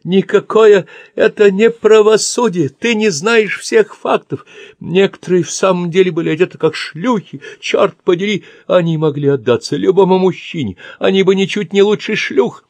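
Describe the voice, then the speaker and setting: A screechy old man in his 70s, blustering and abusive, way up high. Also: moderate pace, darkish tone, no room sound. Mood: furious ranting. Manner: shrill, shrieking, cursing.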